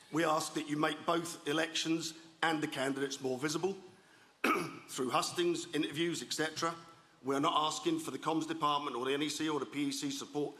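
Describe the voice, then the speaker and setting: A man with a hoarse, croaky frog-like voice giving a hesitant conference speech as a union delegate, often clearing his throat. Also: medium pitch, a bit bright. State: hoarse after throat operation. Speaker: union delegate, area delivery rep. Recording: echoey conference hall, long reverb.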